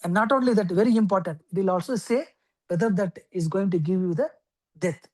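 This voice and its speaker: A woman teaching an astrology class, explaining step by step with frequent okays and pauses. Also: medium pitch, darkish tone, poor audio. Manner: explains slowly with many okays and fillers. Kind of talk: lecture.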